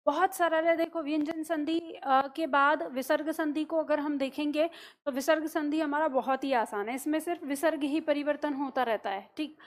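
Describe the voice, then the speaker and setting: A woman's voice: sits high, fairly even intonation, moderate pace. A woman teacher giving a classroom grammar lesson, patiently asking questions and answering them herself.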